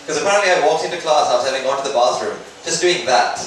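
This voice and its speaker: A Sri Lankan man performs a conversational, self-deprecating stand-up routine at an indoor live comedy event, his medium-pitched voice animated, quick and a bit bright. The room is very echoey, the mic is distant, and there's background noise.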